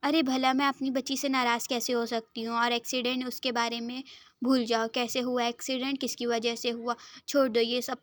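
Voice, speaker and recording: A woman's voice: fairly high pitch, level tone, normal speed, no room sound, close to an everyday voice. A woman voicing a doting, forgiving middle-aged mother who speaks in a soothing, reassuring way, in a dry recording. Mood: soothing, teasing.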